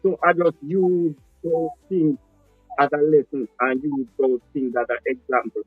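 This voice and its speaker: A man's voice: on the high side, fairly even intonation, a little slow, husky, no room sound. Jamaican man on a dull call line. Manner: reflective, speaks patois, often asks "you understand?". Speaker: guest. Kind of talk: casual storytelling interview. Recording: dull lo-fi call audio with faint music.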